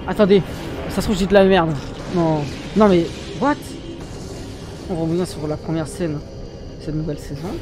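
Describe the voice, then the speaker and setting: A woman's voice: lowish voice, moderate pace, pauses often. A woman hosting a reaction video, commenting casually in slangy, exclamatory bursts. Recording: music from the show behind.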